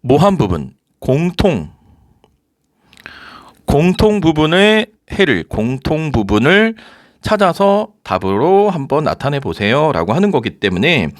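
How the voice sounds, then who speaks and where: A male math teacher explaining step by step in a strongly animated voice that rises and falls a lot. His voice sits fairly high for a man and sounds close and dry. He keeps checking in with the students through rhetorical questions. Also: measured pace, dry recording. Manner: lively, coaxing, asks rhetorical questions. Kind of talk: recorded math lecture.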